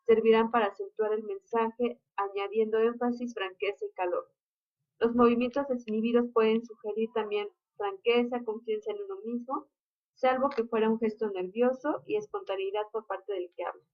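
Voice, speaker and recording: A woman giving a lecture, reading out definitions in a steady, explanatory way. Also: fairly high pitch. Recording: dull lo-fi recording.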